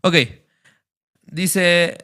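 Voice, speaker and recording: Bright-voiced man teaching a class. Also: high-pitched, completely flat delivery, drawn-out words, smooth. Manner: explanatory, checks understanding with the class, many fillers. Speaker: religious teacher.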